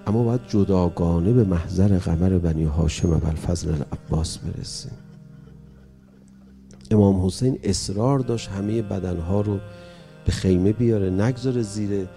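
A man preaching an emotional mourning sermon, swinging between loud cries and hushed tones. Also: deep voice, soft background music.

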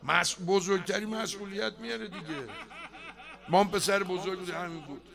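A man with a high voice gives a conversational sermon, joking with his listeners and breaking into loud outbursts. A live crowd is clearly heard behind him at the gathering. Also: steady tone. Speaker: preacher.

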